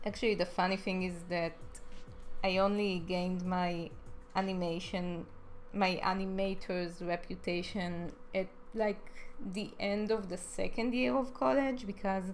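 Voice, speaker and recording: Over background music, an animator talks through a speed draw in loose, rambling commentary. She's a young adult woman with a mid-range, somewhat dark voice, and she pokes fun at herself while turning R's into W's.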